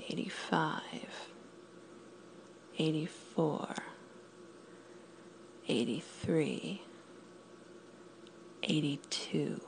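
A woman in an intimate audio roleplay, speaking in a commanding, teasing way, often dropping to a whisper, and counting down slowly. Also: deep voice, creaky, slight background noise, poor audio. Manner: slow counting down.

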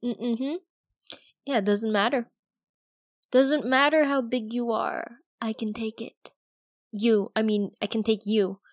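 A woman's voice: on the high side, fairly even intonation, takes it slowly, pauses often, no room sound, studio quality. A young woman voicing a cocky, teasing friend's older sister in an audio roleplay, swearing freely and laughing often. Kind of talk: audio roleplay addressing the listener.

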